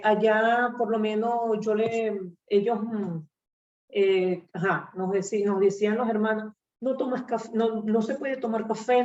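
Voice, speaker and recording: A Venezuelan woman, a church member, gives a personal testimony during a group discussion, hesitant and rambling with many fillers. Her voice is fairly high and dark in tone, but she is far from the mic, so it sounds muffled and echoey in the room.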